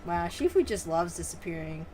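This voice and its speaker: A woman's voice: fairly low pitch, sing-song, normal speed, mellow, a little hiss or hum. A young woman streamer giving casual game commentary in a teasing, foul-mouthed, slangy way.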